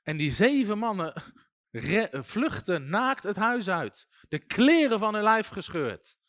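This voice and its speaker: A man teaching a sermon-style Bible school class, telling stories with lively voices for shouting demons and chuckling often. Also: high voice, slow pace, no room sound, clean studio sound.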